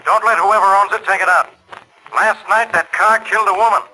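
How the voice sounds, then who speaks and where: An American actor playing a gruff, exasperated police inspector who barks orders brusquely in 1940s radio style. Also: male voice, high voice, steady tone, fairly quick, music in the background, natural voice, low-quality recording. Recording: vintage 1940s radio recording.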